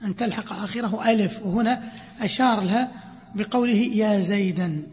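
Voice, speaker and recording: A man teaching a grammar lesson, questioning his students and reciting verses slowly. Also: high-pitched, steady tone. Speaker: sheikh teaching Arabic grammar. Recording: dull lo-fi sound, long hall reverb.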